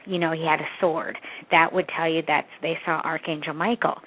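A woman in her forties, a guest on a radio show, tells her story in long rambling stretches, stumbling over repeated words and laughing now and then. Her voice sits a little low for a woman. The call comes through a thin, tinny phone line. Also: flat delivery, fairly quick, breathy edge. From Canada. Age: 40s. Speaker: psychic medium guest.

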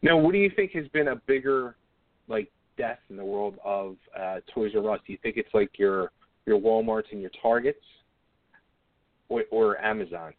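A man's voice: on the low side, normal speed, no echo. A man co-hosting a show, calling in over a phone line and chatting loosely with lots of fillers. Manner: loose and rambling, with many fillers. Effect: heard over a phone line. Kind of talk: casual chat. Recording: tinny, dry phone line.

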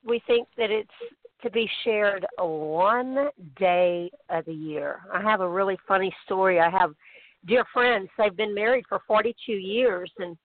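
A woman's voice: medium pitch, measured pace, no echo. A woman guest on a talk show, chatting casually and effusively, telling anecdotes. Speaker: guest, author on love and relationships. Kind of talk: casual chat, anecdotal storytelling. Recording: tinny phone line.

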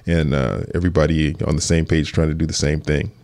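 A man with a very deep voice answers as a police detective. He speaks earnestly but haltingly, often restarting his sentences. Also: level tone, a little mellow. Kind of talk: interview answers.

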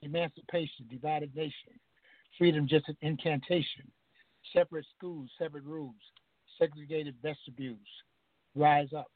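A man on a phone line reads his spoken-word poem with a steady rhythm and hard-hit refrains. His voice sits a little high for a man. The line is thin and tinny, and dry and close. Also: normal speed, no echo. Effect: over the phone. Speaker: caller reciting his poem. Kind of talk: spoken-word poetry reading.

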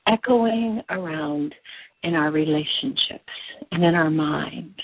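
A woman leads a guided breathwork meditation like a spiritual healer, in a breathy, soothing delivery with deliberate pauses. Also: mid-range voice. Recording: muffled phone-like sound in an echoey room.

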